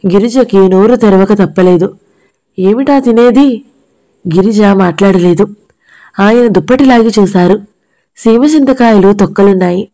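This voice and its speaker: A woman narrating an audio novel in a steady, expressive storytelling voice. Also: mid-range voice, normal speed.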